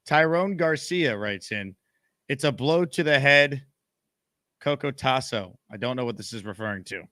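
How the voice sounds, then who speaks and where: A man's voice: medium pitch, animated, normal speed, sharp tone, no echo, studio quality. A man hosting a live sports call-in show.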